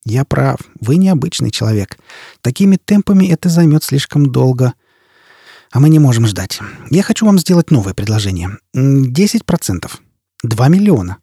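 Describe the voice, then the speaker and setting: A man's voice: mid-range voice, sing-song, normal speed, dark tone, breathy edge, no echo. A male reader voicing a dry, probing male security chief in an audiobook. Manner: dry, probing, then agitated. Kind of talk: audiobook character reading.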